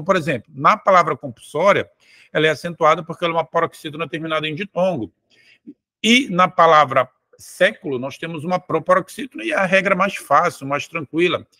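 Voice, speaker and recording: A man's voice: fairly high pitch, pushed and bright, no echo, clean studio sound. A man teaching Portuguese for an exam, explaining step by step and drawing words out syllable by syllable. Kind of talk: exam-prep lesson.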